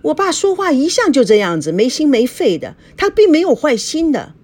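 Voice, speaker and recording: A wronged young bride from a rich family answers in an aggrieved, defensive voice with a lively pitch, as a woman reads her lines. She sounds stung and put upon in this spoken story. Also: normal speed.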